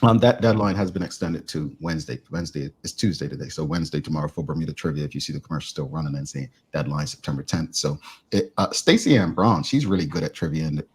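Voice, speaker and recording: A man's voice: low-pitched, husky. A man co-hosting a casual talk show, chatty and joking with his guest.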